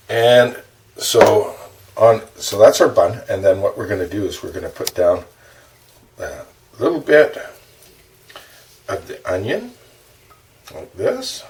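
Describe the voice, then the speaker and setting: A man hosting a low-budget cooking show, talking through each step of a recipe in a relaxed, chatty way while he cooks in his kitchen. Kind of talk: casual cooking demonstration. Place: home kitchen. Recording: distant mic with kitchen noise.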